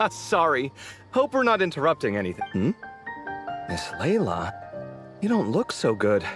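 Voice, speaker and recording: A man voicing a dramatic young male architect in a game, expressive and huffy. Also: mid-range voice, unhurried, over music.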